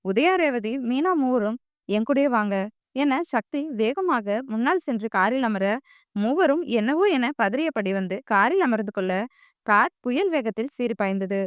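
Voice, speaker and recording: A woman's voice: fairly high pitch, animated, moderate pace, dry recording, studio quality. A woman narrating an audio novel in a dramatic storytelling manner.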